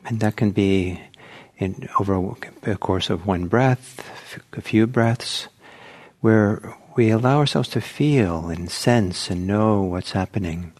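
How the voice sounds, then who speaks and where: Gentle, low-voiced male meditation teacher. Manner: slow, gentle, pausing often. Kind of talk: guided meditation talk. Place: meditation center.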